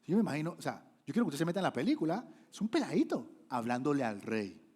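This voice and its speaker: A male pastor preaching a sermon, animated, with sudden loud rises and acted-out quotes. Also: a little high, fast talker, husky.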